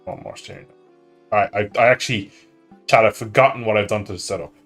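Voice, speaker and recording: Faint music sits under his lowish, fairly bright voice as he talks quickly. An Irishman streaming a motorbike racing game, he keeps up a casual, joking, rambling patter full of self-mockery.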